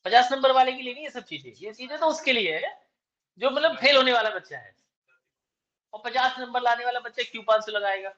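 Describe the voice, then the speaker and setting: A man's voice: very high-pitched, bright, forceful tone, highs cut off. A man teaching chemistry, lecturing his class and dictating answers to write down. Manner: switches between rapid chat and slow word-by-word dictation.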